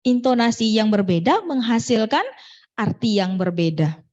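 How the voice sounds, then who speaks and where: A high-pitched woman teaches public speaking to a roomful of women, firing questions at them and acting out different intonations. The recording sounds dull and a little lo-fi. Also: animated, moderate pace, a little mellow. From North Sumatra, Batak. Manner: demonstrates intonation, asks audience questions. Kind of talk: lively workshop talk to a women's group.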